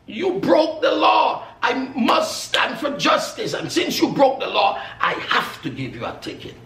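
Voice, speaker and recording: A man's voice: very high-pitched, wildly swooping pitch, a little slow, gravelly, fairly bright tone, voice pushed up, heavily acted. A preacher acting as a firm male traffic cop in an echoey room. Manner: firm, explaining the rules. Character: stern but kind male traffic cop. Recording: echoey room, distant mic.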